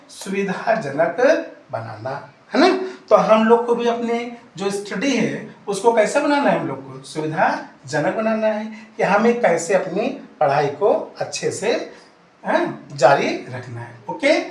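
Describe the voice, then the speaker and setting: Male tutor, lively voice, spells words out slowly, recorded a bit off-mic in an echoey room. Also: sits high. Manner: spells words letter by letter slowly, keeps asking "right?". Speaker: English teacher. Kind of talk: classroom vocabulary lesson. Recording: roomy sound from some distance off the mic.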